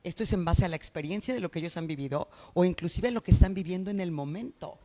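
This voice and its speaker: Fast-talking man explaining with energy. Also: sits high, mellow. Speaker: guest expert. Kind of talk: conversational explanation.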